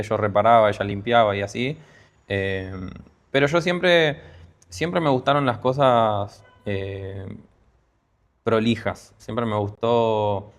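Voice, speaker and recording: A Peruvian-born man with a Rioplatense Spanish accent, a guest telling his business story in a casual interview, full of fillers and restarts. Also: fairly low pitch. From Peru. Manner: hesitant, many fillers and restarts. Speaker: guest entrepreneur.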